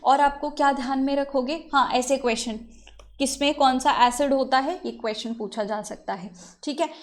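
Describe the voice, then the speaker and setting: A woman, giving a brisk, chatty exam revision lesson and switching between Hindi and English. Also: high-pitched. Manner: brisk, chatty, mixes Hindi and English, fillers like theek hai. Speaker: exam prep teacher.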